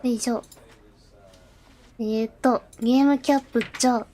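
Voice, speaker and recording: A woman's voice: fairly high pitch, steady tone, normal speed, dark tone, a little hiss or hum. A woman streaming as a VTuber, chatting casually with many fillers while she sets up and then translates the game narration aloud. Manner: chatty, lots of fillers, talks to herself while setting up.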